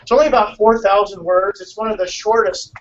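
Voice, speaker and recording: A man with a fairly high voice gives a friendly civics lecture to a room of listeners. He is picked up from across the room, so he sounds distant. The sound is dull and carries a faint hiss. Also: steady tone, a little fast. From California. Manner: friendly, conversational, with restarts. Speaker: attorney teaching a civics class. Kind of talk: classroom lecture.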